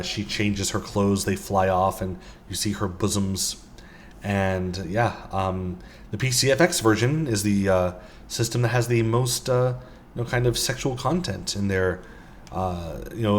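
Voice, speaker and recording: A man with a lowish voice gives casual walkthrough commentary as a vlogger, rambling through items in a game shop with plenty of ums and uhs. Slight background noise can be heard.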